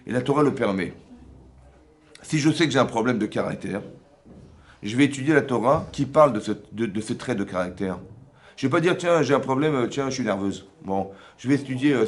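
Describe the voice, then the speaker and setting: A man teaching Torah at a brisk clip, his voice sitting in an ordinary middle pitch. He talks to his listeners directly, asks them to agree with him, and acts out little back-and-forth dialogues to make his points. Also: slight background noise. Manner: conversational, asks listeners for assent. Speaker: rabbi teaching a women's class. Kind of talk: lively Torah lesson.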